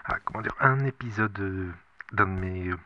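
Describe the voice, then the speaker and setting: A man's voice: deep voice, moderate pace. A man giving a casual spoken introduction as host, hesitantly searching for his words. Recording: dull lo-fi recording.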